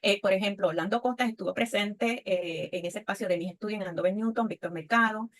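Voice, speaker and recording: An older Puerto Rican woman with a Puerto Rican accent gives a reflective personal testimony as a panelist and women's leadership speaker. She talks fast in a medium-pitched voice, often checking in with short tag questions.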